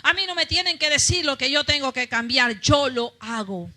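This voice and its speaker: A woman's voice: high voice, moderate pace, pushed and bright. A woman pastor preaching a fervent sermon, calling out to her congregation.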